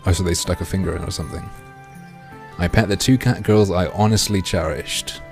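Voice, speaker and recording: A man livestreaming through a headset mic, reading a game aloud and joking crudely with his chat in a deadpan way. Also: deep voice, a little fast, faint music behind.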